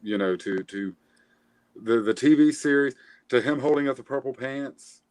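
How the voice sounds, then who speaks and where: A man's voice: mid-range voice, moderate pace, darkish tone, dry recording. A man co-hosting a casual movie review podcast, rambling with lots of fillers and restarts. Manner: rambling, self-correcting, many fillers. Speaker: podcast co-host.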